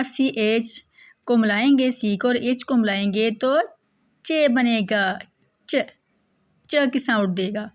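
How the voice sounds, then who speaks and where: Lady teaching kids urdu letters, slow n patient, urdu-speaking pakistani accent, bit high voice. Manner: slow, patient, repeats each sound, asks and answers own questions. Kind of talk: children's alphabet lesson.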